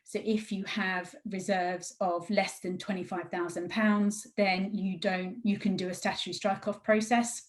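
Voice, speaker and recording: A woman's voice: medium pitch, flat delivery, moderate pace, hardly any pauses. A woman giving an explanatory webinar presentation as a professional adviser. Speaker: guest speaker, professional adviser.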